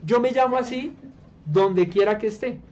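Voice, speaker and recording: A man's voice: moderate pace, darkish tone. A man from Colombia with a Colombian Spanish accent, teaching a small group Bible study in a conversational way and often checking in with the listeners. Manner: hesitant restarts while explaining. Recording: dull low-fi room recording with faint hiss.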